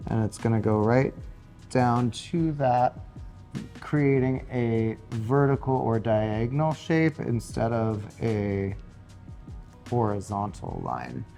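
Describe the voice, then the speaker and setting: A man working as a hairstylist, calmly explaining each technique step by step as he goes. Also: medium pitch, creaky. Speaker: hairstylist and makeup artist. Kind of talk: step-by-step tutorial narration.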